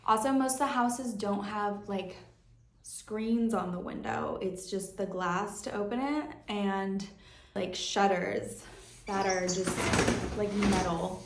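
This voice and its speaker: A woman's voice: mid-range voice, steady tone, slow, a little hiss or hum. A young American woman telling her channel what surprised her abroad, chatting casually and filling her talk with "like". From United States. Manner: chatty, lots of "like" fillers. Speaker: vlogger. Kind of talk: casual vlog chat. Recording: echoey room.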